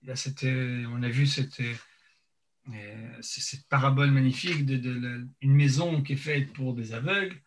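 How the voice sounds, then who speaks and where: A man teaching an informal religious lesson, speaking haltingly and searching for words, his mouth half numb from dental anaesthetic. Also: mid-range voice, steady tone. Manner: hesitant, repeats and searches for words.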